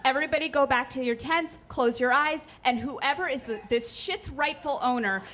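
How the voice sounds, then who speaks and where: A woman voicing a male outdoor group leader who gives flat, matter-of-fact orders. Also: high-pitched, moderate pace, a little hiss or hum.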